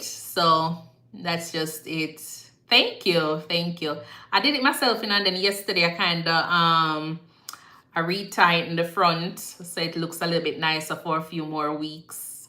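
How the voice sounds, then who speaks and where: Jamaican woman, nurse-host type, low-pitched but bright and forceful delivery, chatty with bits of patois. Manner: chatty, repeats herself, slips into patois phrasing. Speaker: nurse hosting a live Q&A. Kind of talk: casual live-stream chat answering viewer comments. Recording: echoey room.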